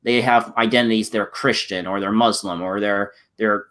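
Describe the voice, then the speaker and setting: A man's voice: on the low side, steady tone, moderate pace, a bit bright. A man in a casual political discussion, rambling with many restarts and fillers. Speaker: channel host in a discussion.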